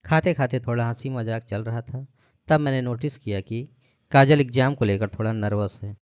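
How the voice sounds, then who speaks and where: A man's voice: medium pitch, normal speed, darkish tone, smooth, no room sound, studio quality. A man telling a first-person story in a chatty way, speaking directly to his listeners as friends.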